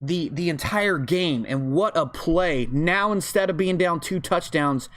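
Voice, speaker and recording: A man with a slightly high voice calls a football video game from home in a loose, chatty play-by-play style. He is full of slang and fillers. When a big play lands, he jumps into excited shouts. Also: unhurried. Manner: excitable, bursts into loud yells on big plays. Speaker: league host and game commentator. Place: at home, with family in the room above.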